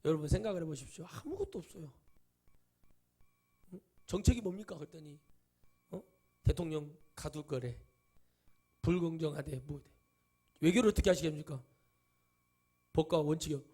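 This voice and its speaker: A middle-aged male pastor preaching a sermon, animated and full of rhetorical questions, acting out quotes from others. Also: a little high, brisk, pauses often, slightly rough.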